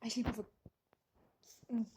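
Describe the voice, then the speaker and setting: Hoarse woman gamer, voice giving out. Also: moderate pace, heavy background noise. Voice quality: hoarse voice giving out, cracking into breathy whisper. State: lost voice, hoarse. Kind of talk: casual gameplay commentary.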